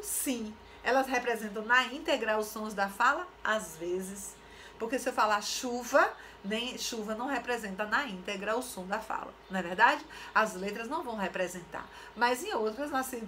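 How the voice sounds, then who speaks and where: A middle-aged woman gives an online lecture to literacy teachers, with a bright, slightly high voice. She explains in a didactic way, poses rhetorical questions and draws syllables out slowly. A faint hiss sits behind her.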